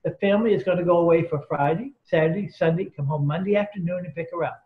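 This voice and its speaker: A man's voice: fairly high pitch, fast. A man guest in an interview, telling earnest, emphatic stories and acting out the people in them. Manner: earnest, emphatic storyteller quoting others. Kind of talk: storytelling in an interview. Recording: roomy, dull lo-fi sound.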